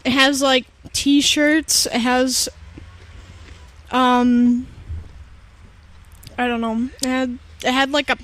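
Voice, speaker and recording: A woman's voice: high-pitched, level tone, takes it slowly, long pauses, a bit bright. A woman guest on a podcast, chatting casually outdoors on a patio and trailing off into fillers. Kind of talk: casual chat.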